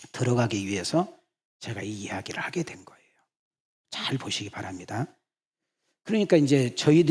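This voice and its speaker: A man preaching as senior pastor, telling stories and calling out to the congregation in a lively way. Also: medium pitch, slightly rough. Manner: animated, calls out to the congregation and acts out quoted lines. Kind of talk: sermon with storytelling. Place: church sanctuary.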